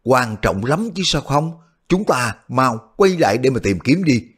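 A man voicing a hot-tempered, blunt and honest short male martial artist who blurts things out loudly. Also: mid-range voice, very animated, normal speed, slightly rough. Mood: agitated. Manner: loud, hasty outbursts.

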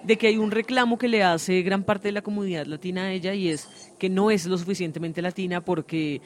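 A woman's voice: medium pitch, a little fast. Woman host, thoughtful, talks in long hesitant stretches, light background noise. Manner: reflective, explains at length with many fillers. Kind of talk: conversational radio interview.

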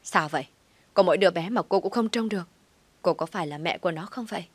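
A frantic, sharp-tongued older grandmother snaps and scolds in a shrill voice, as a woman storyteller puts her on. The voice sits low, and the recording is close and dry. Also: fairly even intonation, moderate pace, slightly rough, no echo. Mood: scolding.

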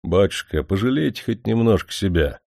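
A man voicing an older, devoted steward who pleads softly with his master. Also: low voice, lively intonation, moderate pace, creaky, dry recording, clean studio sound, heavily acted. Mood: pleading. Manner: soft, pleading.

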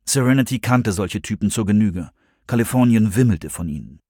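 A man narrating an audiobook in expressive, scripted storytelling. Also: lowish voice, brisk, no room sound, studio quality.

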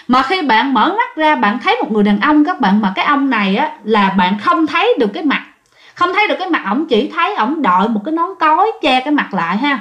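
A woman telling a ghost story in a chatty, casual way to her listeners. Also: sits high. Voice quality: lively, chatty, drawn-out southern fillers.

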